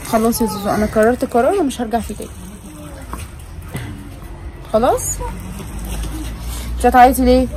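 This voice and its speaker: A woman's voice: on the high side, a little fast, pauses often. An Egyptian woman, a mother vlogging with her family, talking in a coaxing, insistent way. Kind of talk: casual family vlog chat.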